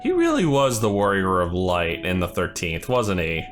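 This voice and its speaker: A man's voice: sits low, wildly swooping pitch, moderate pace. A man doing casual let's play commentary, with informal, slangy asides. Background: game music behind the voice.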